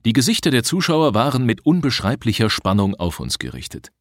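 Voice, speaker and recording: Expressive male storybook reader. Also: mid-range voice, moderate pace, dry recording, clean studio sound. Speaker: audiobook reader. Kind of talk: scripted narration.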